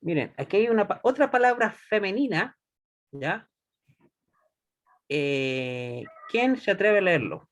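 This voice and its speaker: A man teaching a Hebrew class, patient and deliberate, often checking that students follow. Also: sits high, very animated. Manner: patient, checks understanding with frequent "¿ya?"; slow and deliberate, repeats words for students. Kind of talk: classroom lesson.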